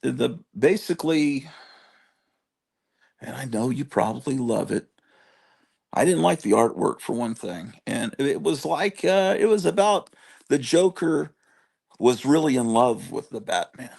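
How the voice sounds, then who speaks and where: Gravelly and husky yet a little mellow, the medium-pitched, expressive voice belongs to a comic collecting streamer in his late fifties. Chatting casually, he reads viewers' messages, meanders through stories, trails off and restarts, and is quick with self-deprecating humor.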